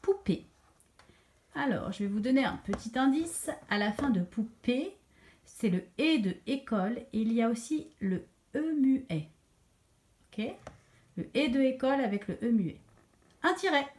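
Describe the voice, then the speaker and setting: A woman teacher giving a slow dictation lesson to young children, repeating each syllable clearly with emphasis. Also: fairly high pitch, animated, darkish tone. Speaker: primary school teacher.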